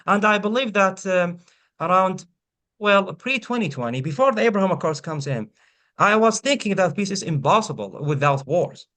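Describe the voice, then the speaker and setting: A man from Iraq with an Iraqi accent, speaking as a panelist in an earnest, persuasive way with frequent halting restarts. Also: sits high, big pitch swings, fairly bright tone. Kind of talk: panel discussion.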